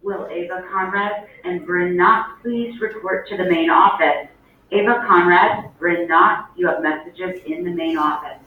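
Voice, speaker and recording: A school announcer reading the daily announcements over the intercom in a clear, measured way, repeating the key details. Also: medium pitch, narrow, tinny audio. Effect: school intercom loudspeaker. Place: classroom, heard through a ceiling speaker. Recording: echoey distant loudspeaker in a noisy classroom.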